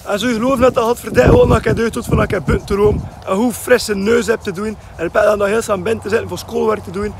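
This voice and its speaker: A man's voice: high voice, steady tone, fast, vocal fry, few pauses, background noise. A young man from West Flanders with a West Flemish accent, chatting casually in his own vlog and tagging his sentences with little fillers. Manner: chatty, with frequent filler tags. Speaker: vlogger. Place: outdoors and at home.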